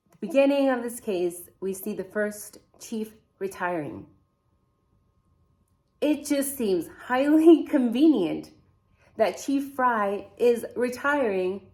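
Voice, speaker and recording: Her pitch leans high and her tone is somewhat dark as she chats with viewers on her relaxed true crime vlog. English is not her native language, and she wonders aloud and puts questions to the people watching.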